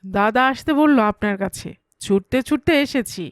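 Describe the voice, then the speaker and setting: A woman doing a cheeky young fellow in a comic audio story who rattles on and pokes fun, his voice pitched fairly high and sounding close and dry with no room around it. He chatters eagerly and jokes at every turn. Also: dry recording, natural voice. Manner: teasing, chattering, quick to joke. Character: young male errand-runner, cheeky and giggling.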